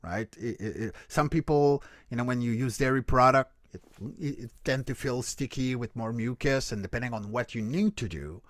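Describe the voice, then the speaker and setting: A man who works as a voice coach and creature performer answers questions earnestly over a video call, his mid-range voice moving at normal speed with no room sound. In these casual Q&A answers he explains things carefully, often restarting sentences and correcting himself.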